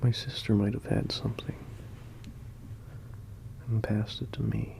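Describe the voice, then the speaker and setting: A man playing a sick, worn-out boyfriend in a whispered role-play, mumbling and halting as he fakes being sick. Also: lowish voice, level tone, creaky, dark tone, rough recording. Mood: weary, mumbling. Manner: mumbling, halting, weary sick act with coughs. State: acted weak and sickly. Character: sick, tired, shivering boyfriend, faking being sick.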